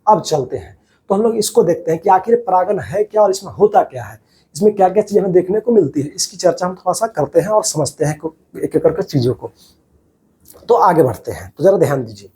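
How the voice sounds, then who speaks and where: A man's voice: high-pitched, lively intonation, fast talker, warm tone. A man teaching a biology class over diagrams, repeating each key term as a question to his students and calling them "babu".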